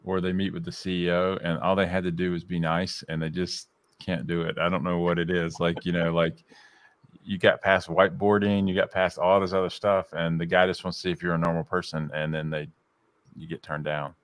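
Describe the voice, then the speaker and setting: A man hosting an interview, asking relaxed questions and giving short replies. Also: sits low, fairly quick, clean tone, no room sound. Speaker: host.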